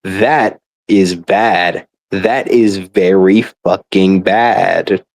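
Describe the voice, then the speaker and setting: Speaking extremely slowly in a low, steady, slightly mellow voice, a young man vents about a video game like a frustrated gamer. His casual, rambling complaints are exasperated, emphatic, and full of swearing.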